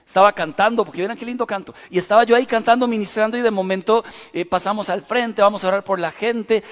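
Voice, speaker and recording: A middle-aged pastor preaches in a church auditorium, his voice pitched high for a man. He tells stories with animation, swinging from loud passages to hushed ones. His words ring out with a long hall reverb. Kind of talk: sermon.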